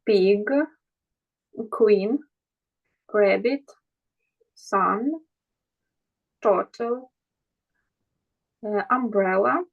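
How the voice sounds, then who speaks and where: A woman student in an online English class, reading words aloud slowly and hesitantly over a video call. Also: mid-range voice, vocal fry. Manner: slow, hesitant, careful. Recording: dull lo-fi video call audio.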